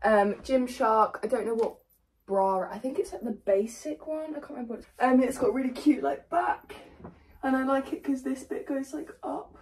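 A woman's voice: high-pitched, moderate pace, a little mellow, a little hiss or hum. Chatty young British woman vlogging. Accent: British English. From United Kingdom. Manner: chatty, rambling, self-deprecating. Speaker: personal trainer and vlogger. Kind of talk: casual day-in-the-life vlog. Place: home rooms, then a gym. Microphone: phone camera propped nearby.

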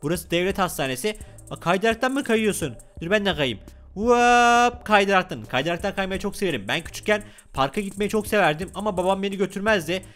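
A man giving playful gameplay commentary as a gaming YouTuber, excitable and playfully whiny. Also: sits high, fast, soft background music.

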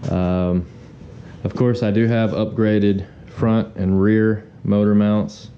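Slow-talking man with a camera mic. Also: on the low side, dull audio. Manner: relaxed, with frequent ums. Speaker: motorcycle vlogger. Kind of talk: casual vlog narration. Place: garage, then inside a truck on the road. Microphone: action camera. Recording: camera mic with road and engine noise.

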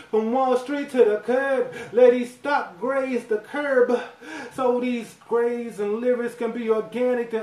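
High-pitched guy rapping a one-take freestyle, far from the mic, roomy echo. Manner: rhythmic rapping with sudden shouted lines. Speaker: rapper. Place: small dim room at home. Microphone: far 360 camera. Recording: echoey room, voice far from the mic.

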